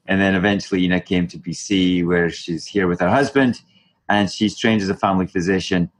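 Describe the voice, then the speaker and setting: A middle-aged man hosting a medical podcast, asking questions in a relaxed, friendly way with fillers. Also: deep voice, a little fast. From Canada. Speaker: podcast host, family physician. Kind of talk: casual interview.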